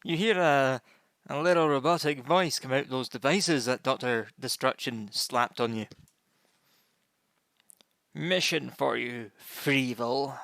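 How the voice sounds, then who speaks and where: A man running a tabletop game as game master, improvising in a halting way. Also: medium pitch, a bit bright, no echo, clean studio sound.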